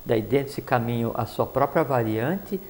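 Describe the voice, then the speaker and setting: A man's voice: medium pitch, animated, normal speed, a little mellow. A man explaining spiritual teachings in a rambling talk, with many fillers and restarts.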